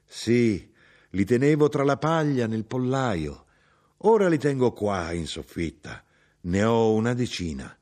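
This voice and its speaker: A man reading aloud voices an older Sicilian mother who is brisk, proud and sharp-tongued, lifting his voice for her. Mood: matter-of-fact. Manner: animated, raised pitch for the mother's lines.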